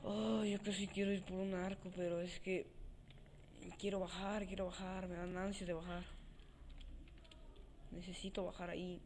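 A man giving let's play commentary at home, excitable, swearing often and talking to himself as he plays, his voice a bit quiet on a cheap desk mic. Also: sits high, normal speed, pauses often, a little hiss or hum. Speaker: gaming channel host. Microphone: cheap desk mic without a stand, voice comes out quiet.

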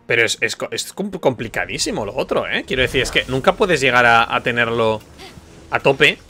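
A man's voice: mid-range voice, lively intonation, moderate pace, sharp tone. A man from commentating his gameplay, frustrated, muttering and swearing. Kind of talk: let's play commentary. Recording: faint music behind.

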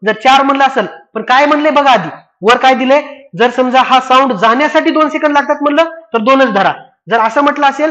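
A man giving an exam revision science lecture, lively, repeating key points and asking and answering his own questions. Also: extremely high pitch. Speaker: science teacher. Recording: dull lo-fi classroom recording.

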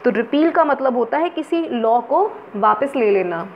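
High-voiced Indian woman teaching vocabulary. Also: expressive, measured pace, dull audio, slight background noise. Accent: Indian English. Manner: mixes English and Hindi, explains words patiently with frequent "ठीक है ना" check-ins. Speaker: English exam tutor. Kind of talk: online exam-prep lesson.

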